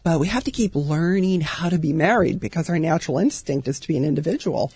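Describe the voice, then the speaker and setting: A woman in her fifties, a marriage counselor guest on a radio show, outgoing and energetic, her voice hoarse from allergies. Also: deep voice, fast, no room sound. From Southern California. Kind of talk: radio interview. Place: radio studio.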